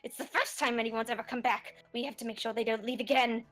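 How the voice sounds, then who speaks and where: A woman's voice: fairly high pitch, fairly even intonation, fast, a bit bright, soft background music. A woman voicing an elderly witch who urgently rallies the others with commands. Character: bossy elderly witch, anxious leader of three.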